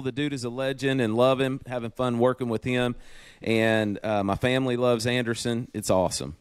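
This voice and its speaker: Smooth-voiced enthusiastic male podcast co-host. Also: mid-range voice, no echo, studio quality. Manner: enthusiastic storyteller. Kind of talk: casual podcast chat. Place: home office.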